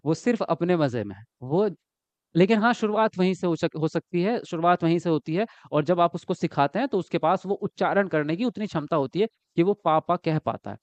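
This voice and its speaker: A man teaching an exam-prep class online, lively and repetitive, often checking whether his students follow. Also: fairly high pitch, dry recording, lo-fi sound. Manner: lively, repeats words and asks students if they follow.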